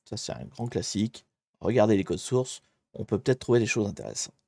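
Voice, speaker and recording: Speaking fairly quickly in a lowish, darkish voice with vocal fry, this livestreamer sounds animated as he tackles a hacking challenge. He's chatty and rambling, frequently interrupting himself to fix what he just said, and the studio-quality audio has no echo.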